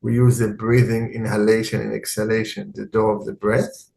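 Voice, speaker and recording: In a lowish, creaky voice, a man teaches guided meditation, unhurried and calm, delivering short phrases with long pauses in between.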